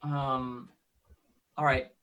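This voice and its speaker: A man's voice: mid-range voice, little pitch movement, very slow, pushed and bright, clear, resonant tone, highs cut off. A man talking casually in character as a player in a tabletop role-playing game.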